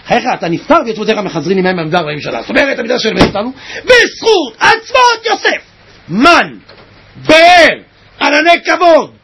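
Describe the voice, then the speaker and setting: A man giving an impassioned sermon, swinging between tearful shouts and low, quiet murmurs, with a husky voice. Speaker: preacher.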